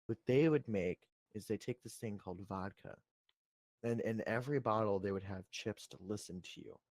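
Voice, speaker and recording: A man's voice: on the low side, moderate pace. A young man co-hosting a casual chat, delivering mock conspiracy theories with a straight face. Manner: deadpan mock conspiracy talk. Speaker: podcast co-host.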